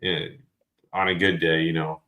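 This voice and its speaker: Deep-voiced podcast host, roomy sound. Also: male voice, little pitch movement, moderate pace, sharp tone. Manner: filler-heavy, says "like" and "you know" often. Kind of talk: casual chat.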